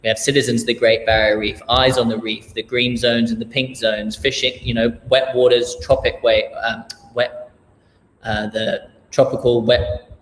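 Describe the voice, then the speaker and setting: An Australian man talks casually in a flat, even voice, wandering through his thoughts with plenty of fillers and restarts. The room around him is echoey, with a long reverb tail and a faint hiss behind. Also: mid-range voice, normal speed. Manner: relaxed, rambling, many fillers and restarts. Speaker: charity founder. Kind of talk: casual interview.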